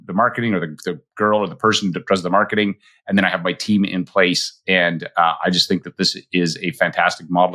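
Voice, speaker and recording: Deep fast-talking male podcast host. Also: pushed and bright. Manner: upbeat and encouraging. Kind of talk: podcast interview and outro.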